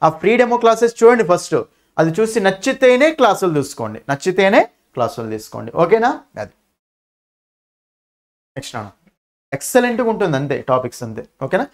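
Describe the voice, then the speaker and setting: A man with a Telugu accent teaching an exam-prep grammar lesson, speaking quickly and emphatically and often checking that students follow. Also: high-pitched, big pitch swings.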